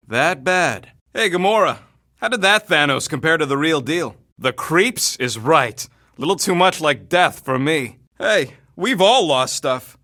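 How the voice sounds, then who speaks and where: A small, cocky raccoon mercenary from a video game. The voice sits high and swings widely in pitch, with a bright, punchy bite and a rough street-tough edge. He is irritable and sarcastic, tossing out brash, slangy barks. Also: full character voice.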